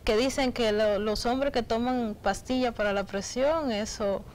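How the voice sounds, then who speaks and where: A woman doctor answering health questions on a radio show, halting and often adding "¿no verdad?". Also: on the high side, a little mellow, a little hiss or hum, poor audio. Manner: slow, halting, tags "¿no verdad?". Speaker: physician guest.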